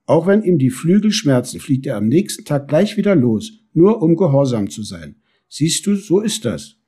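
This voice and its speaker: A man voicing a strict but soft-hearted mother beetle who scolds her son, in a storybook reading. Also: on the high side, big pitch swings, moderate pace, slightly rough. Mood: lecturing.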